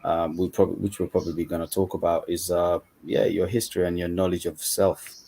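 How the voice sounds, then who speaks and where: A man with a very low voice speaks easily on a video call, drifting through his points in a relaxed, conversational way. He often fills gaps with "you know" as he goes. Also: a little fast, gravelly, breathy edge. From Uganda, then UK. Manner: casual, repeats "you know". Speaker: coach and mentor, panel guest. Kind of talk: online panel discussion.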